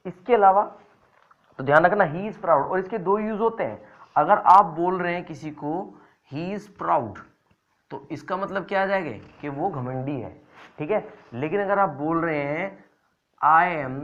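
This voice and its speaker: A man's voice: sits high, narrow, tinny audio. A man teaching a classroom lesson, patiently explaining and repeating examples. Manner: explains patiently, repeating examples, mixing English phrases into Hindi. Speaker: English teacher.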